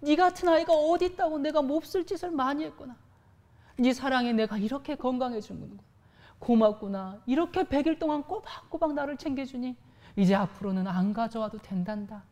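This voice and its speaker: A woman voicing a gentle remorseful old mother-in-law. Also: high-pitched, a little fast, pitched above the performer's own voice, lightly acted. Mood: tender.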